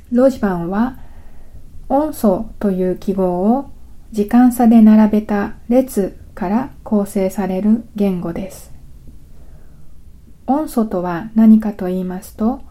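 A woman teaching a language course, speaking in a very slow, deliberate way. Her voice is deep and mellow, with no brightness at all. She explains things carefully, like a prepared script. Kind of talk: scripted lesson narration.

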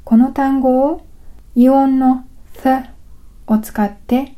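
A woman talks through a scripted pronunciation lesson in a calm, deliberate way. Her voice is very dark and mellow, a little higher than usual, and she speaks slowly. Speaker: language teacher.

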